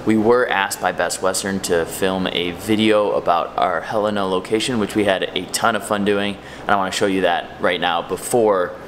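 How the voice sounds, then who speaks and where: A man's voice: deep voice, steady tone, normal speed, few pauses, a little hiss or hum. A young man talking casually to a handheld camera as he travels on a road trip, upbeat and chatty. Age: young adult. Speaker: travel vlogger. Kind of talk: casual travel vlog narration. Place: outdoors and in a room on a road trip. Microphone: handheld camera at arm's length.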